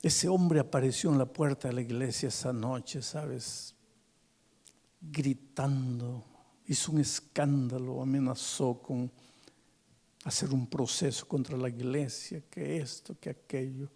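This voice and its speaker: A pastor telling a story in a sermon, swinging dramatically between hushed and forceful delivery in church. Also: male voice, medium pitch, fairly even intonation, a little slow.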